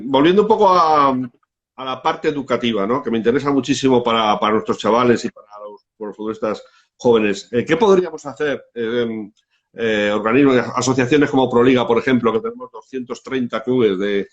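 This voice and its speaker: A man's voice: mid-range voice, a little fast. A man hosting a casual live interview, chatting conversationally and asking questions. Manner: conversational, short back-channel replies. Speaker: host. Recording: lo-fi live video call.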